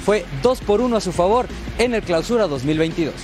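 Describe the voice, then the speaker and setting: A man's voice: high voice, expressive, a little fast, darkish tone, soft background music. A man delivering a scripted sports news report as a field reporter.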